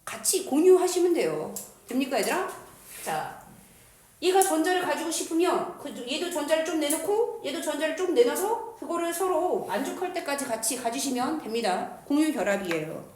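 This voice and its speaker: A woman's voice: high voice, very animated, normal speed, a little mellow. A woman teaching chemistry in a playful, slangy way, asking the class questions and answering them herself. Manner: uses slang and crude jokes. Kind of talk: lively classroom lecture. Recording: echoey room.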